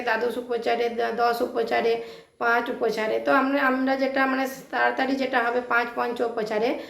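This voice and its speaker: A woman's voice: fairly high pitch, creaky. A woman with a Bengali accent gives a devotional talk on rituals, asking questions and answering them herself, often checking in with her listeners. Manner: checks in with "ঠিক আছে?". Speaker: devotional teacher. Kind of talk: religious talk explaining rituals. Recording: echoey room.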